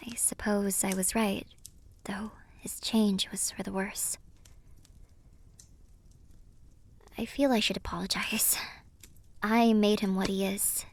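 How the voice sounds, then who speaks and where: This cinematic audio roleplay features a woman as a gentle, mysterious siren whose mid-range voice stays soft, careful, guarded and wistful. She often lapses into a breathy whisper, and the feeling is hushed and regretful.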